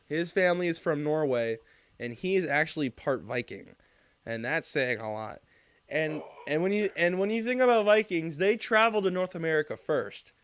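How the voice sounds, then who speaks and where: Guy hosting a podcast, kinda high smooth voice, rambles with lots of likes, dry sound. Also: dry recording. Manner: rambling, many "like"s and restarts, teasing. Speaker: podcast host. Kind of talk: casual podcast chat.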